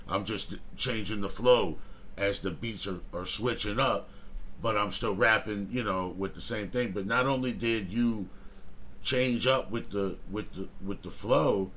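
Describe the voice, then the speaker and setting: A man with a lowish voice hosts a casual music review, rambling through his thoughts with plenty of filler and cursing. Faint background hiss sits under his talk. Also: unhurried, a bit bright. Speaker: music review show host.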